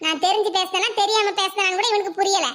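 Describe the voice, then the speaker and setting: A voice actor playing a forgetful, toothless old mother in a cartoon, squeaky and grumbling, with a Kanyakumari Tamil accent. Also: steady tone, quick pace, pushed and bright. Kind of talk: cartoon voice acting.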